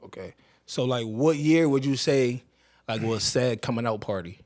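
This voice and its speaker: Young man from Connecticut, podcast host, dry close sound, mid pitch, animated slangy storytelling. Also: moderate pace, no room sound. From Bridgeport, Connecticut, USA. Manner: animated storyteller, heavy slang, laughs often. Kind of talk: casual conversational interview.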